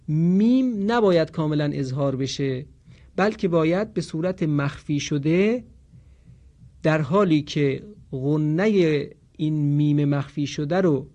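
Man teaching Quran recitation rules. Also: on the high side. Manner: explains calmly, then chants examples slowly and drawn out. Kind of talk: teaching lesson with slow recited examples.

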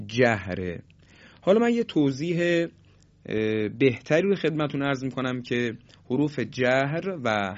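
A patient male teacher walks through pronunciation rules at an unhurried pace. He stretches out each example sound and speaks with courteous formality. His voice sits at an ordinary middle pitch, and the recording has a slightly muffled, lo-fi quality. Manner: slow, patient explaining with drawn-out example sounds; polite formal phrasing. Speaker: Quran recitation teacher. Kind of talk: tajwid lesson on letter qualities.

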